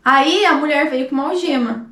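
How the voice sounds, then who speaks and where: Speaking briskly in a high, slightly bright voice, a woman in her thirties with a Brazilian Portuguese accent vlogs an emotional personal story and acts out the dialogue. The mic is distant and the room echoes.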